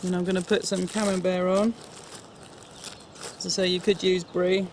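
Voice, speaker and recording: A man's voice: sits high, level tone, moderate pace, background noise. A man demonstrating a camp cooking recipe step by step, chatty and instructive as he works, recorded outdoors at a fishing lake.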